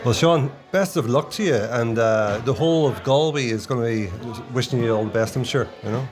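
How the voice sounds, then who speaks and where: A man with a medium-pitched voice hosts a relaxed interview. He is chatty and curious, putting casual questions and remarks to his guest. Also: fairly quick, over music. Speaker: interviewer, host.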